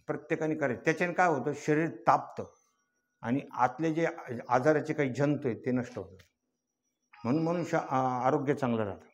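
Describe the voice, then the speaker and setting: An older man giving a devotional kirtan sermon, teaching in a folksy way, asking rhetorical questions and rising into chanted verse. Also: mid-range voice. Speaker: kirtan preacher.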